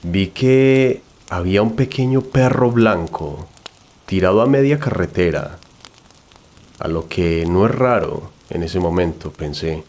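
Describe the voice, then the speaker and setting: Reading a scripted horror tale as narrator, a man tells it in the first person with a low, deep voice. He's expressive, a little slow, and slightly mellow.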